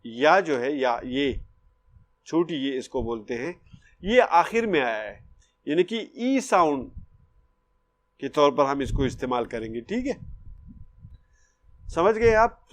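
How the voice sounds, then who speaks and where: A man teaching a primary school Urdu writing lesson in an online class, slow and patient, repeating each step and checking that the children follow. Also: fairly high pitch. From Pakistan.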